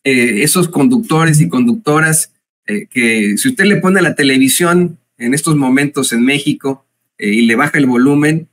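A Mexican man with a Mexican accent giving indignant, mocking political commentary, pausing often with hesitant fillers. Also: medium pitch, lively intonation, a bit bright.

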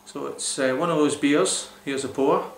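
Speaking at normal speed in a slightly high, creaky voice, a man in his forties rambles through a casual beer review, piling on fillers. He films to camera in a small room, and the roomy, echoey home recording has slight background noise.

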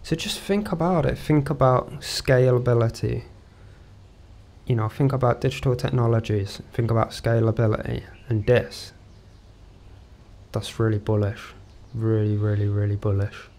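Male tutorial host with a relaxed, mellow voice; casual and rambling, plenty of fillers. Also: medium pitch. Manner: chatty, rambling, many ums and restarts. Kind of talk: casual screen-share walkthrough.

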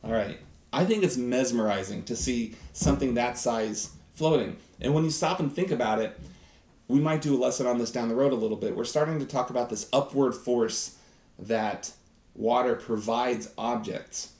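A man's voice: mid-range voice, moderate pace, darkish tone. A man in his thirties doing a chatty, enthusiastic live science demonstration, talking directly to viewers. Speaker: science teacher host. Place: home kitchen set, indoors. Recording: roomy kitchen echo.

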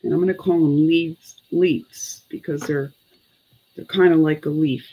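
Slow-paced middle-aged woman selling live online. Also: deep voice, steady tone, husky, lo-fi sound. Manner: unhurried, chatty, counting and muttering to herself. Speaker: online live-sale seller. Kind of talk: casual live selling chat. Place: indoor room with clothes racks.

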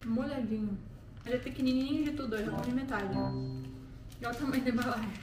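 A woman's voice: fairly high pitch, fairly even intonation, a little fast. A woman vlogging a casual taste test, chatting and reacting while her mouth is full of food. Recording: echoey room from a distance, with music.

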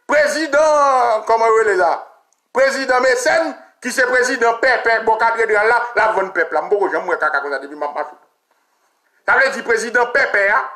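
A Haitian man hosting a talk radio show, giving heated political commentary with emphatic repetition and swearing. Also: bright, forceful tone. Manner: emphatic, repetitive, swears, pitch jumps when ranting.

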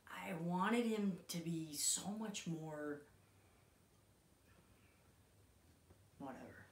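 A man in his twenties acting an intense dramatic monologue as a grieving, bitter son, halting and swinging between hushed and forceful delivery. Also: a little high, a little hiss or hum. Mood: grieving, hesitant. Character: grieving, bitter young man recalling his dying father. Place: small room indoors, on a couch. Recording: roomy indoor echo.

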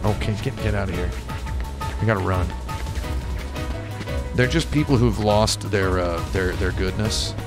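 A man's voice: fairly low pitch, a little slow, pauses often. A man streaming a video game with casual, rambling, slangy commentary full of exaggeration. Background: game music and dialogue.

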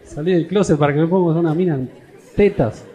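A stand-up comedian with a Rioplatense Spanish accent teases the crowd and chats casually in his vlog, laughing often as he jokes. His voice is on the high side, warm and fast. The recording is muffled, with slight background noise.

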